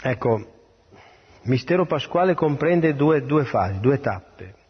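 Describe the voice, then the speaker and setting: A priest reads the gospel and then gives an earnest, plainly delivered homily with small restarts. His medium-pitched voice is animated yet slow, with a breathy edge, heard through a dull lo-fi radio broadcast.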